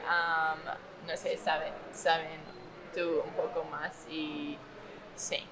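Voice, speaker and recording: Mujer neozelandesa de español pausado, con acento anglófono. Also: female voice, low voice, flat delivery, background noise. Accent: foreign, English-speaking New Zealander accent in Spanish. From New Zealand. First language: English. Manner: halting learner's Spanish, giggly. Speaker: interviewer and channel host. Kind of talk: casual vlog interview.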